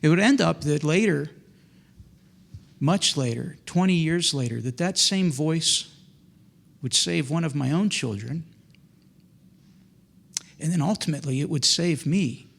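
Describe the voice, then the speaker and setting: A man with a slightly higher voice tells a heartfelt personal story. He speaks earnestly and haltingly, often restarting and repeating his words, like a middle-aged speaker giving a testimony. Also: creaky. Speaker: storyteller recounting a personal faith experience.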